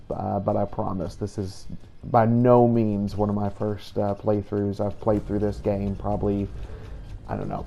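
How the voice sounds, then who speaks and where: A man's fairly low, dark voice with vocal fry opens a playthrough on his gaming channel. The casual commentary explains what's coming, delivered a little hesitantly over noticeable background noise.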